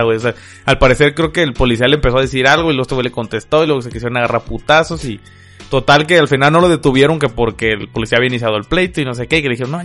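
A young man with a Mexican accent, co-hosting a casual podcast and telling a story in quick, slangy speech full of filler words. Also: mid-range voice, fairly bright tone. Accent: Mexican Spanish. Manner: slangy, fast, peppers every phrase with filler. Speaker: podcast co-host.

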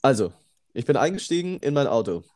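A man's voice: mid-range voice, sing-song, brisk, a little mellow. Laughing, rambling podcast man. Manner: laughs often, rambling storytelling. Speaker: podcast co-host. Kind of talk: casual podcast chat.

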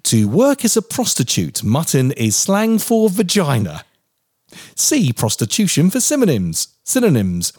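Southern English man in his forties, podcast co-host, rambling and sweary, lively up-and-down pitch, close dry sound. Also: a little slow, breathy edge, dry recording. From England. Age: 40s. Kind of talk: casual chat.

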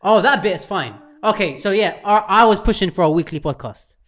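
A man's voice: high voice, lively intonation, a bit bright. A man, co-hosting a casual podcast among friends and talking over the others, whose mic is clipping and distorted from peaking. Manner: quick, insistent, talks over others. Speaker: podcast co-host.

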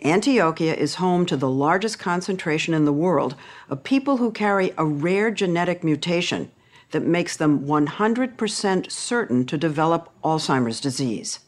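A woman correspondent reading a scripted news report in a measured, grave manner. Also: low voice, expressive.

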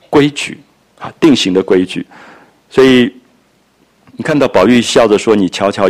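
A man lecturing on a classic novel, musing and reflective, with frequent soft asides. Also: lowish voice. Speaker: literature lecturer.

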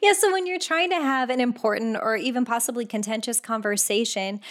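A woman's voice: a little high, brisk. A woman co-hosting a casual podcast with her husband, easygoing and self-deprecating, often laughing. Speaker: podcast co-host.

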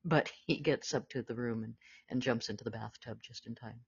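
Chatty podcast cohost, husky voice, kinda dull muffled audio, quotes movie lines a lot. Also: medium pitch, fairly even intonation, fairly quick. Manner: chatty, quotes lines from the film, laughs often. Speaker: podcast co-host. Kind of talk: casual film discussion.

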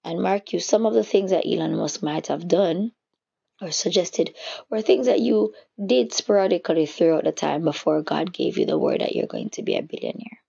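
A woman's voice: on the low side, very animated, moderate pace, creaky, mellow, slightly rough. A woman giving a casual spiritual teaching, reflective and searching for her words as she goes. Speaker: faith teacher. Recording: dull lo-fi recording.

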